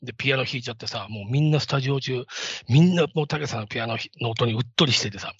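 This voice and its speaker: A man's voice: mid-range voice, rapid-fire, slightly rough, no room sound. A man in his fifties hosting a show, talking casually in a rambling, self-deprecating way. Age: 50s. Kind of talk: casual solo talk. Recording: dull lo-fi, dry sound.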